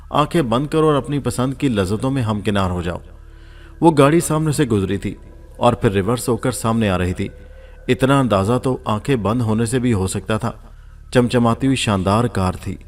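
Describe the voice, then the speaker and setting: A man reads a first-person story aloud, steady and measured as he tells it. His pitch sits in the middle of the range for a man. He keeps an even storytelling pace throughout. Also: soft background music. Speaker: audiobook narrator.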